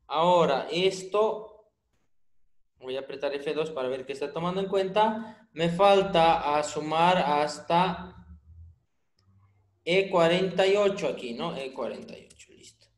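A man's voice: a little high, measured pace. A man teaching a finance class online, quizzing students by name and teasing them with dry jokes when they stay silent. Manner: questioning, teasing humor. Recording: roomy echo.

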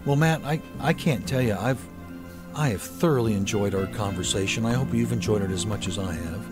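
A man hosting a podcast interview, speaking in a measured way with frequent small restarts. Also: fairly low pitch, music in the background. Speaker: podcast host. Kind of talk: interview conversation.

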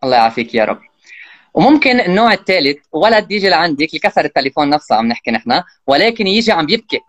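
A man, a parenting guest in an interview, explaining at speed and acting out what parents and children say. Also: fairly high pitch. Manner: fast, animated, acts out parent and child lines. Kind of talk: casual explanatory interview talk.

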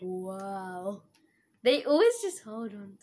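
A woman's voice: medium pitch, sing-song, takes it slowly, darkish tone. A woman giving casual, giggly commentary over her own gameplay, laughing often and dropping internet slang. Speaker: gaming video host.

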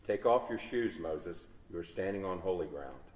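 A man's voice: low voice, expressive, normal speed, a little mellow. A man reading aloud voices God speaking from a burning bush, solemn and commanding, in an echoey church from a distant mic.

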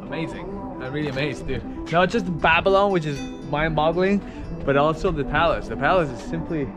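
A man's voice: fairly high pitch, brisk, roomy sound, music in the background. A man exploring an abandoned palace with a friend, chatting casually and marveling at what he sees. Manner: enthusiastic, marveling. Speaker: travel companion. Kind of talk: casual chat. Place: abandoned palace, large empty stone rooms.

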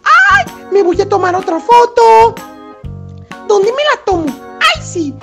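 A woman's voice: very high voice, big pitch swings, takes it slowly, heavily acted. A squealing little doll girl. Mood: excited. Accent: Mexican. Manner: squealing, pleading, tearful. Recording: music playing behind.

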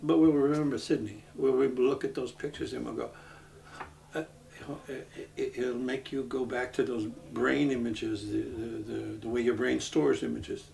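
A man, from Brooklyn, speaking earnestly in a documentary interview, halting with many restarts. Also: medium pitch, little pitch movement, vocal fry, a little mellow. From Brooklyn, New York. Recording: voice from a distance off the mic.

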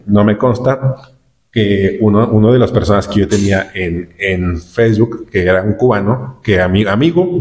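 A man's voice: lowish voice, darkish tone. A man from Nuevo León with a northern Mexican accent, casually telling a travel story in a rambling way, repeating words and using many fillers. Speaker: vlogger recounting a trip.

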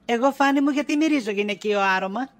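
A woman's voice: on the high side, close to an everyday voice. A woman playing a middle-aged wife in a comedy sketch, insistent and accusing as she nags her husband.

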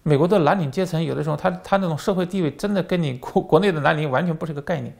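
A former journalist who now hosts a commentary channel delivers a political monologue, his fairly high-pitched voice moving very fast with vocal fry. He tells stories animatedly, packing them with fillers and repeated words.

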